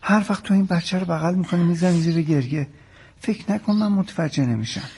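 A patient husband and father in a TV drama, coaxing his wife in a slightly high, husky voice. He reasons softly and keeps reassuring her. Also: heavily acted. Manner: soothing, coaxing. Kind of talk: TV drama acting.

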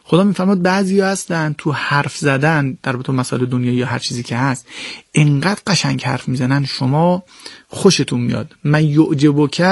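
Gravelly-voiced man explaining scripture. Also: dry recording, clean studio sound. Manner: animated, swinging pitch and pace; addresses listeners directly and politely. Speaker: religious speaker explaining Quran verses. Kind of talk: explanatory religious talk.

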